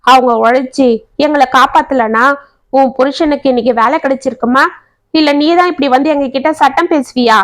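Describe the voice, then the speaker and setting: ஒரு பெண் கதைசொல்லி, துடிப்பான இளம் மகளின் குரலில் வேகமாகவும் ஆவேசமாகவும் பேசுகிறார். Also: female voice, high voice, lightly acted. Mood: angry. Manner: quick, fiery, eager. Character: spirited young graduate daughter, protective of mother.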